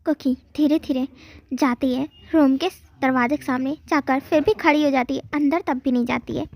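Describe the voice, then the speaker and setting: Girl narrating a fan dub, soft and slow, high voice. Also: fairly even intonation.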